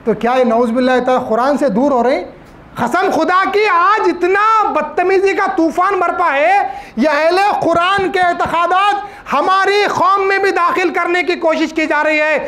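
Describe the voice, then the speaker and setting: A man delivers a religious lecture in a very high, bright, forceful voice. He hammers his points home by repeating phrases and firing off rhetorical questions. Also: normal speed. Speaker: religious speaker.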